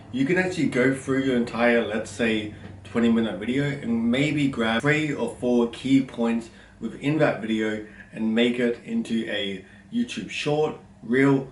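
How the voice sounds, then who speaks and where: A man with a slight stutter walks through tips in an instructional vlog, speaking loudly and deliberately at a middle pitch. His voice sounds roomy and a little set back from the mic, with faint ambience underneath. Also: far from the mic, a little hiss or hum. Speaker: content creator giving tips. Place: room at home with a window.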